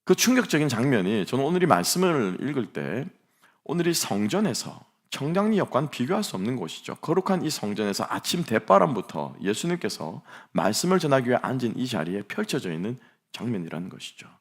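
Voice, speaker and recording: A man's voice: mid-range voice, big pitch swings, brisk. A middle-aged man preaching a sermon as pastor, telling a story and asking the congregation rhetorical questions.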